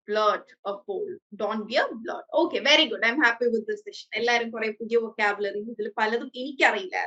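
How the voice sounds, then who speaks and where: Slow-talking Malayali woman teacher. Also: a little high, a bit bright, muffled recording. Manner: switches between English and Malayalam, hesitant fillers. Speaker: English teacher. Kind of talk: online class teaching. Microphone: video call.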